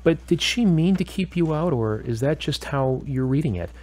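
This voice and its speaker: In a scripted audio drama, a man plays a calm, firm therapist who probes with measured, instructive questions. His voice sits on the high side, and the mood is encouraging and instructive.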